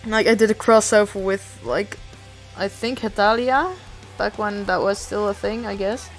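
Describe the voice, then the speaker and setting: Young woman, casual stream chat, rambling, mid-pitched voice, faint music behind. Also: fairly even intonation, normal speed. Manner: rambling, self-deprecating, swears casually.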